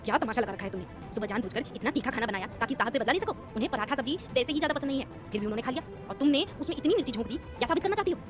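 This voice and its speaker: A woman plays a sharp-tongued head cook in a fast audio drama, firing off accusing questions. Music runs clearly underneath. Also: high-pitched, expressive, pitched above the performer's own voice. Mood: scolding. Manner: reproachful, accusing. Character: scolding head cook of a mansion. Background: background music.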